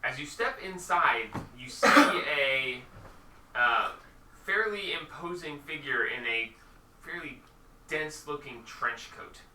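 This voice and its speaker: Halting game master in an echoey room. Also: male voice, medium pitch, expressive, sharp tone, distant mic, a little hiss or hum. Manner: halting, with many fillers. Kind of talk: narrating a tabletop game.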